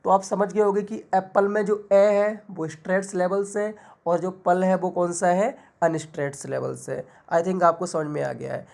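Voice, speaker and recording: A woman's voice: fairly low pitch, steady tone, gravelly, a little mellow. A woman teacher explaining an English lesson in Hindi, asking herself questions and answering them, with an Indian English accent. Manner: explains step by step with rhetorical questions and frequent "ठीक है"; drawls example words slowly to show stress.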